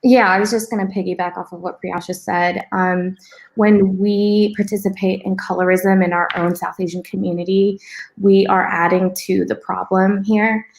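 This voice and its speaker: A woman's voice: medium pitch, flat delivery, normal speed, gravelly, poor audio. A young woman on a panel making firm, emphatic points, with frequent ums. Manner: firm, emphatic, filler-heavy. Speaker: panel guest. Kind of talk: casual panel discussion.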